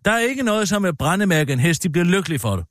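A man's voice: big pitch swings, fairly bright tone, dry recording, studio quality. A man playing a pompous, bossy middle-aged woman who lectures about horses in improvised podcast comedy. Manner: bossy, lecturing, swooping pitch. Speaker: co-host.

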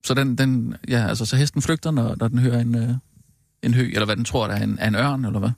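A man's voice: mid-range voice, fairly even intonation, creaky, no room sound, studio quality. A man in a comedy sketch who talks hesitantly, stammering and restarting.

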